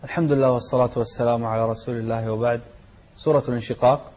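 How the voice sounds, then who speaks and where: A man teaching Quran recitation. He chants verses slowly for learners to repeat, then corrects pronunciation briskly. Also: medium pitch, steady tone, a little mellow. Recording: dull lo-fi recording.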